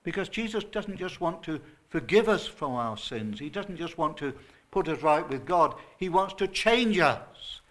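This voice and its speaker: A pastor preaches to his small church in a slightly high voice. He talks earnestly and leans hard on his stressed words. His delivery swells to loud emphasis, then drops back down. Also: animated, normal speed. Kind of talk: sermon.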